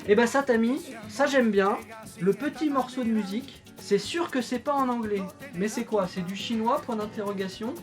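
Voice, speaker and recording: Music plays in the background as a middle-aged YouTuber and parent goes through an old record with her child. She talks at a moderate pace in a slightly high voice, keeping things playful and self-deprecating with plenty of fillers.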